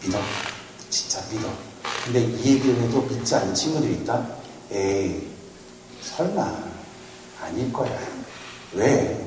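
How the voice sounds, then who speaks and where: A man's voice: medium pitch, sing-song, measured pace, long pauses. Playful man preaching in an echoey hall. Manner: playful, asks the audience questions. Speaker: retreat speaker. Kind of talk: lively youth sermon with jokes. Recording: echoey hall, mic from far off, faint noise.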